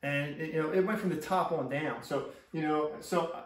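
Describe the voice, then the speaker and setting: A man's voice: fairly high pitch, moderate pace. A middle-aged man, a police officer, giving a rambling first-person account that is full of repeats and restarted sentences. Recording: echoey room, far from mic.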